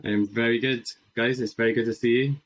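A man's voice: mid-range voice, fairly even intonation, brisk, slight background noise. A man, chatting casually and digressively as a podcast guest. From Swansea, Wales, and Botswana. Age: 40s. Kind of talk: casual conversational interview.

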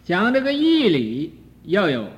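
An older man teaching Buddhist doctrine in a high, lively voice, drawing his words out slowly and scattering "ah" between phrases. He drops to near-whispers and then rises sharply. The dull archival recording carries a long hall reverb. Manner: slow, drawn-out delivery with frequent "ah" fillers, swinging between soft and loud. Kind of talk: dharma lecture on a sutra commentary.

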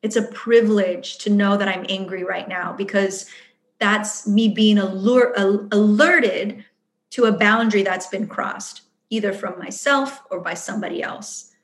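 A woman's voice: medium pitch, steady tone, measured pace. A chatty woman gives interview answers, trailing into fillers and slipping into little acted-out inner voices. Her voice sits in a middling register and rings with a roomy echo. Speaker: guest.

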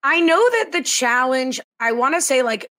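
A woman's voice: high voice, normal speed, fairly bright tone, dry recording. A woman co-hosting a casual podcast, chatty and teasing, often laughing. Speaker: podcast co-host.

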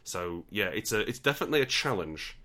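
A man's voice: on the low side, animated, fairly quick, bright, forceful tone. A man chatting eagerly and jokily about designing games. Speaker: game designer. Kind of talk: casual interview chat.

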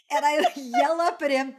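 A woman telling a casual, animated anecdote, acting out the quoted voices and using lots of fillers. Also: high voice. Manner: frequent fillers like "like". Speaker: storyteller.

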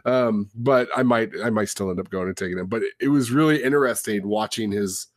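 Podcast co-host, male, lowish voice, animated rambling storyteller, dry close mic. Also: a little fast, no echo. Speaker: father. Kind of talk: casual podcast chat.

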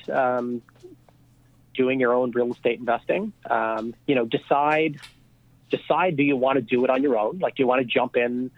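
On a tinny phone call for a podcast interview, a man in real estate investing rambles informally, dropping fillers and restarting sentences. His voice falls in the mid range, with no echo in the recording.

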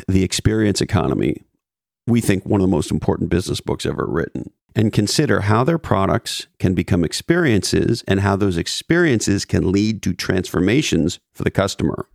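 A low, heavily gravelly man reads scripted business commentary, with dry wry asides and punchy repeated lines. The recording is close and dead dry, with no room sound at all. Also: darkish tone, dry recording. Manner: wry asides, emphatic repetition. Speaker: business podcast host.

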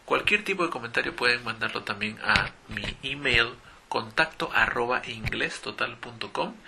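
A man runs a pronunciation lesson, saying each English word twice at an unhurried pace. His voice has a gravelly edge and a bright, forceful tone. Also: medium pitch, slight background noise. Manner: slow, repeats English words for practice. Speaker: English teacher.

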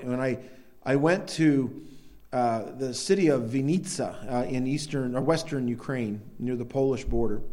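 An American man preaching a conversational sermon, telling stories with animated peaks and frequent restarts. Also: medium pitch. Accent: American English. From United States. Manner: storytelling with rising animated peaks, self-repeating restarts.

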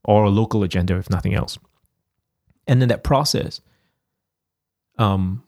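Low gravelly Singapore-born man. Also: a little mellow, no echo, studio quality. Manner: rambling, many restarts and fillers. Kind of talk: casual chat.

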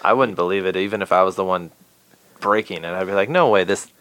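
A man hosting a casual podcast, firing quick teasing questions at his guests. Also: low voice, steady tone, a bit bright. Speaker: podcast host.

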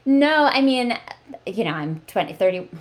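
A woman's voice: mid-range voice, very animated, moderate pace. A woman in her thirties hosting a casual book podcast, talking in a chatty way with lots of "like" fillers. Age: 30s. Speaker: podcast host.

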